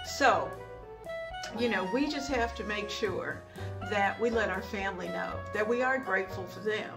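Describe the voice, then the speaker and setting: A woman's voice: medium pitch, moderate pace, music in the background. An older woman hosting a home kitchen vlog, chatting casually with homespun advice and thankful asides, recorded at home. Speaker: cooking channel host. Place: home kitchen and dining room, indoors.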